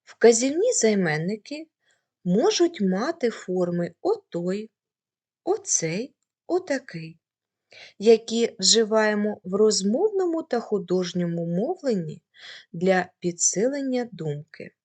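A woman's voice: medium pitch, sing-song, slow pace, a little mellow. A woman teacher reading a scripted grammar lesson, carefully saying word forms one by one.

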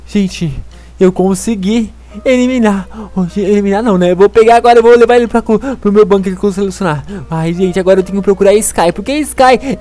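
A man giving excited gameplay commentary, jumpy and excitable, talking straight to the game characters. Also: sits high. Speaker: gaming YouTuber.

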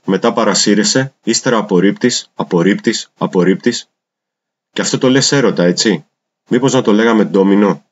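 Low-voiced man reading poetry, lo-fi. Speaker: poetry reader. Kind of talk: reading translated poetry aloud. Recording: dull lo-fi recording.

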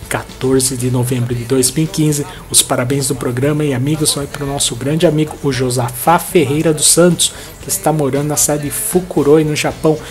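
A man's voice: medium pitch, a little mellow. A man in his thirties hosting a regional events show, reading listings and birthday greetings in an upbeat, friendly way on a headset mic. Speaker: host. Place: indoors against a plain bright wall.

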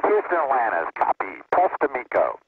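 A shuttle crew member giving terse, flat procedural readbacks over a breaking-up space-to-ground radio link. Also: male voice, mid-range voice, brisk, breathy edge, no echo. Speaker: shuttle crew member reading back calls. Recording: tinny crackly radio link with static.

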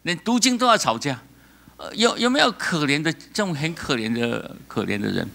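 Taiwanese guy preaching, bright forceful voice, laughs a lot, asks the crowd to fill in. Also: a little high, normal speed, gravelly. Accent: Taiwanese Mandarin. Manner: animated, asks the congregation call-and-response questions; laughs often between remarks. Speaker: pastor. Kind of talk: sermon.

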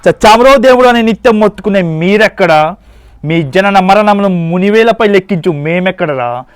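A man's voice: high-pitched, expressive, normal speed, dry recording, clean studio sound. A man playing a wrathful male god of death who is a king, declaiming in a stagey, archaic way. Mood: thundering.

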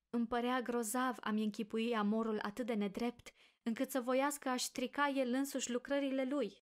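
Woman narrating a classic audiobook. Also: medium pitch. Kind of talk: scripted literary narration.

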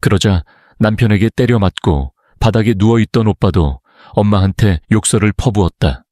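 A man narrating a family drama story in an even, scripted read. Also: lowish voice, normal speed, no room sound, clean studio sound.

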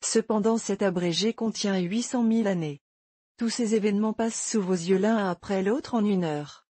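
A woman reading a calm, reasoning good genie. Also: mid-range voice, normal speed, husky, no room sound, natural voice. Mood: explaining. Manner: calm, explanatory. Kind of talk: audiobook character reading.

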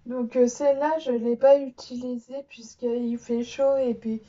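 A woman's voice: a little high, fairly even intonation, measured pace, warm tone, muffled recording. A young French-speaking woman presenting makeup in a casual vlog, hesitant with many fillers. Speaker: beauty vlogger. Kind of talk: casual show-and-tell vlog.

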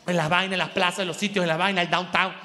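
A Venezuelan man doing an animated stand-up comedy monologue, laughing and acting out quoted voices. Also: sits high, quick pace, in a large hall. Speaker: comedy show host.

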